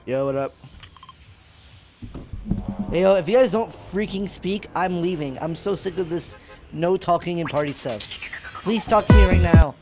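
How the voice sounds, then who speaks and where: A man streams video games from a room at home, chatting casually in slang, pleading playfully and swearing now and then. His voice sits high and is a little mellow, at a moderate pace with long pauses. Soft music plays in the background.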